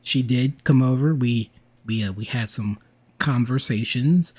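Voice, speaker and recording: Husky man rambling through a story. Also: medium pitch, unhurried, a little mellow. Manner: rambling storyteller, acts out quotes. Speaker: podcast co-host. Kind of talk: casual podcast chat.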